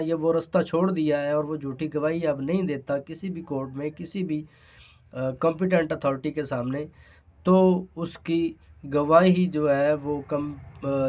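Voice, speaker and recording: The voice belongs to a law lecturer, a man whose pitch is on the high side yet darkish in tone, speaking with a Pakistani accent. He explains legal points hesitantly and repeats phrases, and the recording is dull and lo-fi.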